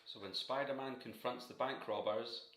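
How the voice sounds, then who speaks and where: A man co-hosting a casual quiz, reading questions and tossing in quick jokey asides. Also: medium pitch, steady tone, fairly bright tone. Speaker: quiz co-host. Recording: roomy echo.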